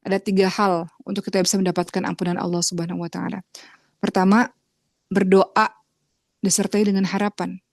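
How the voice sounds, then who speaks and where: Fast-talking woman preaching earnestly. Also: little pitch movement, gravelly, dry recording, clean studio sound. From Indonesia. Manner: earnest, acts out pleading prayers with rising pitch; addresses listeners as friends, refers to herself as Uma. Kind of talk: religious lecture.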